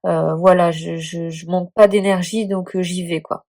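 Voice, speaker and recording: A woman's voice: lowish voice, little pitch movement, moderate pace, darkish tone, lightly acted. A woman voicing a carefree young male knight who shrugs off his mistakes, in a casual, shrugging way.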